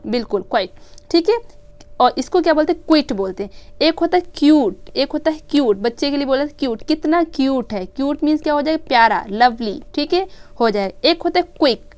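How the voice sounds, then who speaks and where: Indian lady teacher going thru grammar, kinda high voice, smooth and clear, quizzes herself as she goes. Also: darkish tone. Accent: Indian English. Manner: explains step by step, asks and answers her own questions; mixes English terms into her teaching talk. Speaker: English teacher. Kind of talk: exam-prep grammar lesson.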